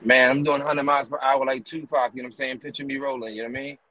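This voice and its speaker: An East Coast rapper and music promoter, a man, is a guest in a casual interview recorded in a moving car. His medium-pitched voice barely moves in pitch, comes out very fast and sharp, and the recording quality is low. He rambles through long run-on stories packed with fillers and "you know what I mean."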